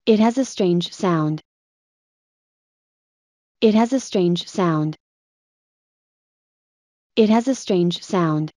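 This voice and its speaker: Female teacher voice, slow repeated phrase drills, plain even reading, dry close sound. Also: lowish voice, no echo. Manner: plain, evenly paced model reading. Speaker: English phrase reader.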